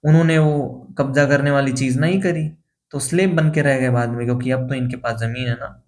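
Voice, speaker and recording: A young male teacher gives an exam-prep lecture in an easy, conversational way. His pitch sits in a middle range, and he keeps pausing to check that his students are following. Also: steady tone, a little mellow. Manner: casual explaining, mixing Hindi and English terms, checking understanding.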